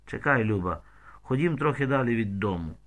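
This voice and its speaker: Tender protective village man, hushed, soothing, audiobook, read by a man. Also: medium pitch, animated, normal speed.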